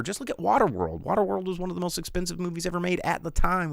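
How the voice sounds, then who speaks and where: A livestream host reviewing films rambles casually about movies, opinionated, jokey and conversational. His slightly high voice is gravelly and a bit bright, recorded with clean studio sound and no room sound.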